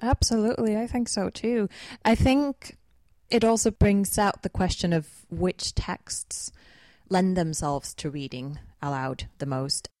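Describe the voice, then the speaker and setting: A woman's voice: medium pitch, measured pace, a little mellow, dry recording. A woman co-hosting a podcast, chatting in a reflective way and laughing easily. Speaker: podcast co-host and editor. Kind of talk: casual podcast chat.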